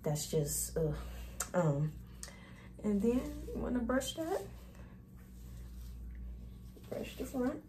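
A woman's voice: fairly high pitch, very animated, drawn-out words, pauses often. A young woman vlogger talking viewers through a hair tutorial in a casual, chatty, informal way. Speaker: beauty vlogger.

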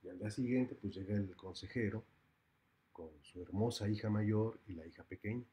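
A man's voice: lowish voice, moderate pace, mellow. A man with a Mexican Spanish accent, a criminal law lecturer who tells a story in a colloquial, playful way, adding sound effects.

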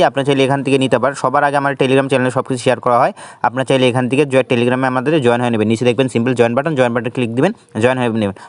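A man talks through an app tutorial at a very fast clip. He gives steady step-by-step instructions and drops English words into his sentences. His voice sits at an ordinary, mid-range pitch for a man. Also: no echo. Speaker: channel host. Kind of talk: screen-recorded app tutorial.

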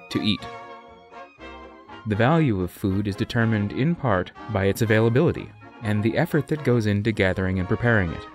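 An actor playing a deadpan, dry narrator voice with no body in a comedy radio play. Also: male voice, fairly low pitch, natural voice.

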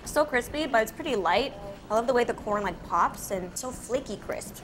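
A woman's voice: on the high side, animated, brisk, background noise. A young woman hosting a food vlog, bubbly and enthusiastic, laughing often while tasting dishes. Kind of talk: casual food vlog chat. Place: small casual eatery, indoors. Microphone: lapel mic.

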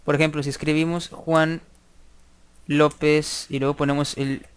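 A man giving a screen-recorded programming tutorial, thinking aloud and dictating code slowly as he types. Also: fairly high pitch, level tone, clear, resonant tone.

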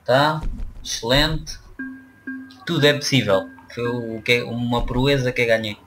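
Speaking unhurriedly in a mid-range voice over music, this man chats his way through a truck driving game for viewers. He hosts a gaming channel, has a European Portuguese accent, and talks straight to his audience with noisy game sound in the background.

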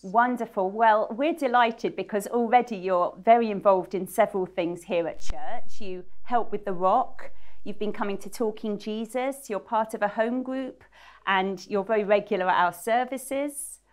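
A woman's voice: medium pitch, normal speed. A middle-aged woman interviewing a church member, asking questions and affirming the answers, on a lapel mic in a small studio. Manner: encouraging, affirming. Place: small indoor studio set.

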